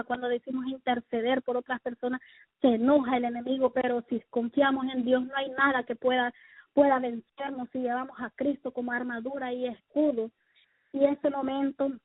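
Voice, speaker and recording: A woman with a high, husky voice gives a heartfelt religious testimony, her telling fervent and full of repetition. The sound is tinny and phone-like, dry and close with no room around it. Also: no room sound. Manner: fervent, repetitive, emotional storytelling. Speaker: giving a personal testimony.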